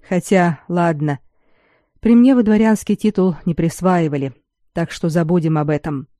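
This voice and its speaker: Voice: mid-range voice, normal speed, mellow, no room sound, clean studio sound, close to an everyday voice. A reader voicing a cold proud young lord. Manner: cold, clipped, heavy delivery. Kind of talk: audiobook character reading.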